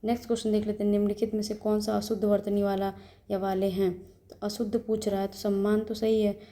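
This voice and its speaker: A woman teacher working through a practice test aloud, briskly explaining each answer and repeating words as she checks them. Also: mid-range voice, little pitch movement, mellow. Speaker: exam coaching teacher.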